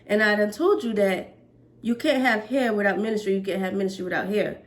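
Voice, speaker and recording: A woman's voice: mid-range voice, fairly quick. A woman in her twenties, a hair braider, talking earnestly to camera about faith and work in a preachy, list-building way. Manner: earnest, preachy, speaks in repeated lists. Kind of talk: casual faith-based monologue to camera.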